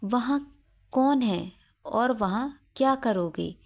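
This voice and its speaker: Woman doing a young son, calm and concerned. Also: on the high side, slow pace, vocal fry. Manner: calming, reasonable.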